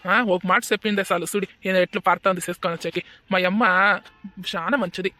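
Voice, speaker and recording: A woman's voice: lowish voice, steady tone, fast, sharp tone, dry recording, faint music behind. A woman voicing an easygoing young husband and son in a cartoon, coaxing. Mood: fond. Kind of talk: cartoon voice acting.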